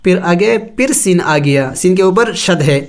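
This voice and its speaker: Clear-voiced man teaching Quran recitation. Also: high-pitched, expressive. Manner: slow drawn-out recitation between plain explanations. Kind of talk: spelling out and reciting Arabic letter by letter, then explaining rules.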